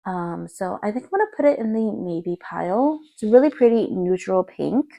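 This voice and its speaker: A young woman vlogging at home with a gravelly, just-woken-up morning voice. She talks in a chatty, upbeat way, full of casual fillers, at a middle pitch. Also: expressive, normal speed, noisy background. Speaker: beauty vlogger. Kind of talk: casual makeup declutter vlog. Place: home room by a window in morning light.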